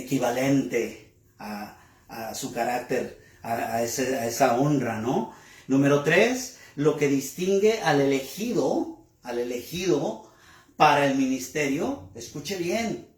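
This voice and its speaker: Man preaching with deliberate emphasis. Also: on the high side, a little mellow, reverberant. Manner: deliberate preaching with rhetorical questions and emphatic repetition. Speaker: pastor. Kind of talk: sermon. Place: church.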